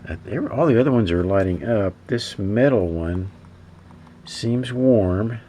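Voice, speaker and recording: Musing to himself in a halting, casual way, a man narrates his radio repair at an indoor workbench. He has a mellow voice on the low side, expressive, with a bit of hiss or hum in the recording.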